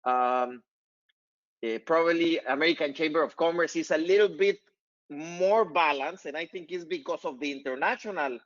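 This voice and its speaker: A man, hosting a casual panel chat over a video call and speaking in a measured way with many fillers. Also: a little high, dull audio. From northern Mexico. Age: 50s. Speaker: company CEO and host.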